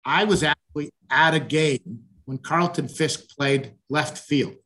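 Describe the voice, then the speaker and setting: A man's voice: on the high side, unhurried, fairly bright tone. A man from the Chicago suburbs, a coach guest in a casual interview, hesitant and friendly, with many restarts. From Chicago northwest suburbs. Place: at home, video call.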